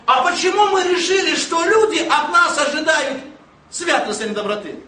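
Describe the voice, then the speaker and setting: A man preaching a sermon, emphatic and storytelling with humor, bursting into shouts at times. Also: extremely high pitch, expressive, moderate pace. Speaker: pastor. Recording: echoey room, mic at a distance, faint noise.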